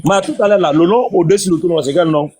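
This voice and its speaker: A man's voice: high voice, fast talker, darkish tone, breathy edge. A man in a religious debate, insistently repeating his questions.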